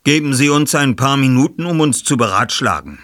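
Ein Mann liest ein Hörbuch und spricht den Ich-Erzähler, einen jungen Detektiv, bestimmt und methodisch. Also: male voice, mid-range voice, lively intonation, a little fast, a bit bright, dry recording, studio quality, pitched above the performer's own voice, natural voice. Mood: composed. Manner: commanding, methodical. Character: calm, clever young male detective, the narrator.

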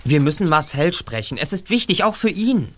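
An actor playing a clever teenage detective in a German radio drama, asking calm, coaxing questions. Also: male voice, fairly high pitch, normal speed, slight background noise. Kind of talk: German radio-play acting.

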